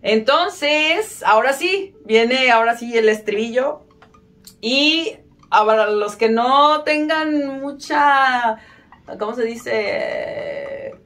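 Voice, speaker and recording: A woman's voice: fairly high pitch, drawn-out words, a bit bright, soft background music. A woman giving a casual violin lesson, friendly and self-mocking, counting beats aloud. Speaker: violin teacher.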